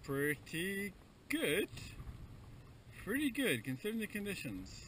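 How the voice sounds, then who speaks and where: A man kayaking on a windy harbour, talking to himself in a relaxed, matter-of-fact way as he films the trip on an action camera mounted on the kayak. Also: high voice, a little slow. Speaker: kayaker filming his own trip. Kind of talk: casual running commentary. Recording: wind-battered action camera audio from a distance. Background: wind and splashing water.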